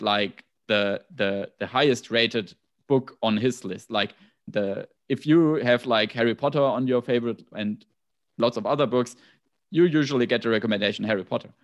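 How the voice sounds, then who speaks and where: Man with a German accent, casual talk. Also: lowish voice. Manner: thoughtful, frequent restarts and asides. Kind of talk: casual podcast conversation.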